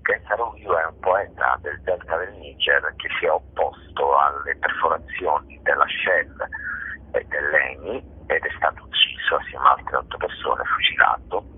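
A theatre author, director and actor from Basilicata in southern Italy gives an interview, passionately telling stories about his own stage work and repeating phrases for effect in an emphatic southern Italian accent. His extremely low voice is slightly rough and moves at normal speed, heard over a narrow, tinny phone or radio line.

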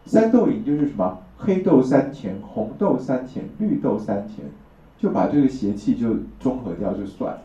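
A man's voice: medium pitch, animated, moderate pace, mellow. A man teaching a traditional Chinese medicine class, explaining step by step and often checking that his listeners agree. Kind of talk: classroom lecture. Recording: distant roomy lo-fi lecture recording.

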